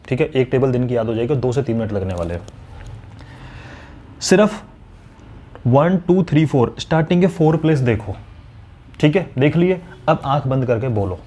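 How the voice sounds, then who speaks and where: A man with a medium-pitched, warm voice teaches maths directly to camera, scolding and coaching his students like a no-nonsense teacher. He acts out their replies and rattles off times tables quickly.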